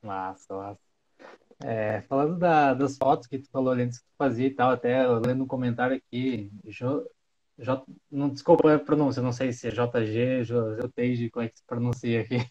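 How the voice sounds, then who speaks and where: A man's voice: mid-range voice, fairly even intonation, fairly quick, a little mellow. A man hosting a casual live podcast, easygoing and reading viewer questions aloud. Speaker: podcast host. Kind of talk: casual live-stream interview. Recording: muffled live-stream audio.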